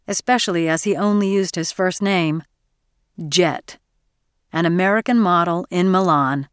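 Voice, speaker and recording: A woman narrating an audiobook in a measured, even storytelling manner, close to the mic. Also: lowish voice, clear, resonant tone, no room sound. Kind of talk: scripted narration.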